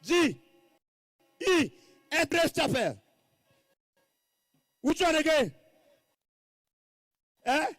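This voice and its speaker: A man's voice: extremely high pitch, big pitch swings, slow pace, pauses often, a bit bright, no room sound, clean studio sound. A Nigerian man giving a rally speech as master of ceremonies, calling out to the crowd from the stage in repeated phrases and slipping into Pidgin.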